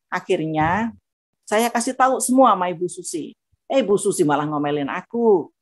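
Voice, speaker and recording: A woman with a Javanese accent giving a personal testimony in a chatty, animated storytelling way. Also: on the low side, normal speed, no echo. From Central Java, Indonesia. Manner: animated, acts out dialogue; chatty, frequent fillers.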